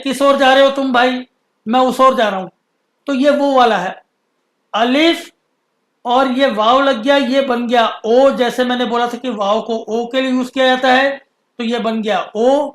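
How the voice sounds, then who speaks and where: A man's voice: very high-pitched, a bit bright. Patient man teaching letters, echoey room. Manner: patient, stretches out letter sounds slowly. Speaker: Urdu teacher. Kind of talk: explaining a lesson.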